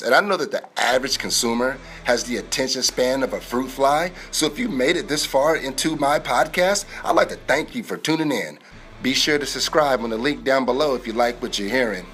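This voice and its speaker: A man's voice: mid-range voice, fairly bright tone. A male podcast host delivers a scripted, comedic sports news monologue. He talks in slangy wisecracks, with music playing behind him. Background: music bed.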